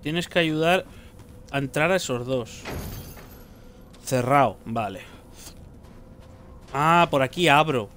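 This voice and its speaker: A man's voice: on the high side, slow, long pauses, fairly bright tone, a little hiss or hum. A man giving casual gameplay commentary, muttering to himself, joking and swearing as he plays. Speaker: gaming streamer.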